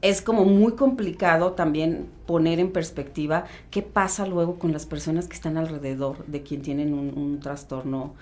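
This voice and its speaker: A woman's voice: sits low, fairly even intonation, moderate pace, few pauses, darkish tone. A woman co-hosting a podcast, reflecting thoughtfully and posing rhetorical questions. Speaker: podcast co-host.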